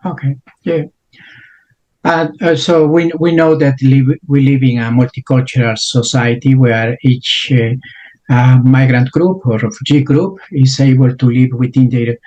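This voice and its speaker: Man, interview host, mellow voice, halting with restarts, dull lo-fi recording. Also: medium pitch, steady tone. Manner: halting, many restarts and fillers. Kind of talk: interview questions.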